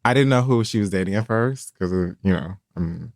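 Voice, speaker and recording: A man's voice: lowish voice, brisk, darkish tone, no room sound, clean studio sound. A man co-hosting a podcast in casual, joking chat, sarcastic and swearing freely. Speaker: podcast co-host.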